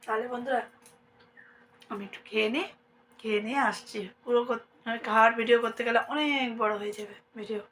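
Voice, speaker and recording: A young vlogger from India, Bengali-accented, chats with her viewers like friends while narrating a casual day at home indoors. Her voice runs a little high and fairly quick, turning soft at times since her daughter is sleeping. Slight background noise can be heard.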